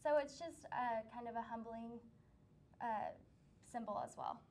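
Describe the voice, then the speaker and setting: A young woman with a slightly high voice, talking loosely on a student talk show, full of ums and quick laughs. A faint low rumble runs under her voice. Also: a little mellow. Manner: hesitant, many ums, laughs easily. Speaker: student producer and co-host. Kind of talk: casual interview chat.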